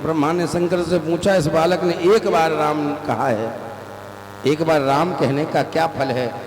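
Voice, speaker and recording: A man's voice: a little high, steady tone, measured pace, a little hiss or hum. A man preaching a devotional katha sermon, telling a story and acting out the dialogue of its figures. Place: large outdoor katha venue with loudspeakers. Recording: echoey live hall sound with music.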